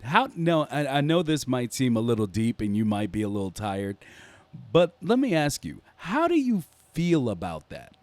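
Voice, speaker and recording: A man who is a native English speaker hosts a casual chat in a deep, smooth, low magnetic voice, with an informal, familiar way of talking. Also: very animated, normal speed, no room sound. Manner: informal, familiar, addresses others as man and bro. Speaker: host.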